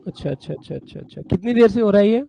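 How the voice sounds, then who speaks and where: There's a slight hiss or hum behind this man's high, gravelly, warm voice as he talks in an animated, rapid-fire way. Teaching law in a live online class, he performs short scenes as buyer and seller and keeps up a chatty, fatherly rapport with his students.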